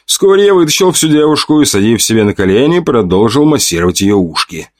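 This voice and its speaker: A man's voice: medium pitch, sing-song, brisk, dry recording. A man narrating a first-person audiobook in a coarse, mocking manner full of slang, on a close mic.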